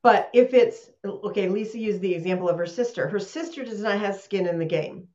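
A woman's voice: medium pitch, fairly quick, a little mellow. A woman hosting a live online session, talking casually, laughing often and restarting sentences. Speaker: host. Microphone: computer mic on a video call. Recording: roomy, dull video-call audio.

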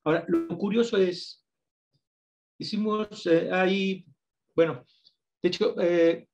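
A man with a Mexican accent, explaining things patiently as an interview guest, spelling out examples slowly in a teacherly way. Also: sits high, steady tone, a little mellow. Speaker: guest researcher on reading instruction.

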